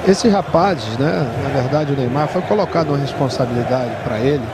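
A man's voice: mid-range voice, animated, brisk. A Brazilian man giving conversational live football analysis as a co-commentator. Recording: very noisy stadium broadcast.

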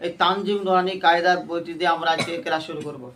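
A high-pitched male teacher leads a Quran reading class. He asks short questions over and over and waits for the students to answer in chorus. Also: fairly even intonation, fast, crowd noise. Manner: drills students with repeated questions. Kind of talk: call-and-response class lesson.

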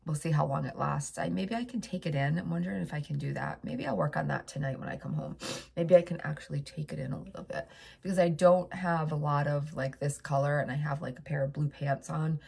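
A low-voiced woman with a gravelly edge chats to camera as host of her own channel. Her nose is stuffy and sniffly, and she talks in an upbeat, rambling way, full of fillers. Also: steady tone, fairly quick, darkish tone. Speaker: vlog host. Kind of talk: casual chat to camera.

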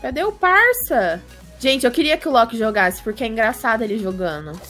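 High-voiced teasing Brazilian woman. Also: sing-song, a little fast, a bit bright. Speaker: gaming streamer. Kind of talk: casual live-stream chat while gaming. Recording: music playing behind. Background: music.

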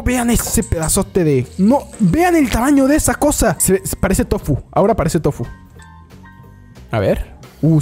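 A Mexican man giving casual, animated reaction commentary on short videos at a desk microphone, laughing often and breaking into quick exclamations. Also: high-pitched. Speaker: YouTuber reacting to clips.

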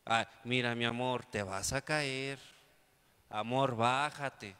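A man's voice: mid-range voice, slow, bright, forceful tone, clear, resonant tone, in a large hall, voice pushed down. A man with a Mexican accent voicing a young mother who coos at her child, then screams at him in rage. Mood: coaxing.

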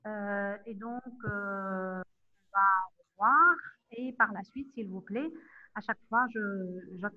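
A woman lecturer teaching an online class, talking haltingly with many fillers and checking in often with her students. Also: medium pitch. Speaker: university lecturer. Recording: tinny phone-like line.

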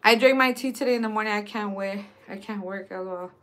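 A woman's voice: mid-range voice, normal speed, fairly bright tone. Joking Spanglish woman. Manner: joking, switches between Spanish and English. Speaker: vlogger. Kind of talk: casual chat.

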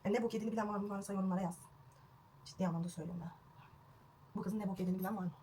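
A woman's voice: medium pitch, fairly even intonation, very fast, mellow, a little hiss or hum. A young woman vlogging a home haircut, chatty and self-mocking, recorded on a phone at home. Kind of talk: casual home haircut vlog. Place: at home indoors.

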